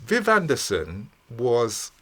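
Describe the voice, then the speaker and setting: A middle-aged man, a podcast guest telling his story in a studio with many pauses, fillers and repeated words. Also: medium pitch, huge pitch swings, fairly bright tone. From England. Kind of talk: casual interview storytelling.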